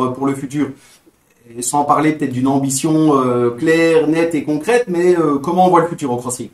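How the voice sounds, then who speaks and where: Animateur belge à voix claire. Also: male voice, on the high side, roomy sound. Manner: chatty, reads out viewer comments. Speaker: host. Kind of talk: live online football talk show.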